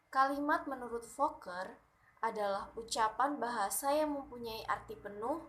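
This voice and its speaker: A woman's voice: a little high, a bit bright. Young woman reading a class presentation. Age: young adult. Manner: careful, read-aloud delivery with definitions. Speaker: university student presenting.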